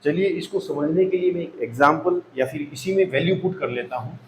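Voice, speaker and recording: Male teacher talking through a chemistry lesson step by step, a bit high-pitched, recorded in an echoey room. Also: fairly quick. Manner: repetitive, talks through each step aloud. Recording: echoey room with faint noise.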